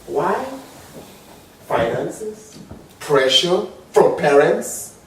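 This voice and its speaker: A man in his forties with an African accent delivers a dramatic, emphatic motivational speech to an audience, speaking extremely slowly and expressively. As a public speaker he swings from low murmurs to loud, high exclamations. The distant mic in a very echoey hall picks up a slight hiss or hum.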